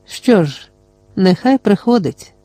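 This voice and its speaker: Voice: mid-range voice, normal speed, mellow, dry recording, faint music behind, close to an everyday voice. A reader voicing a scornful male mage who talks in a sarcastic, sneering way in an audiobook.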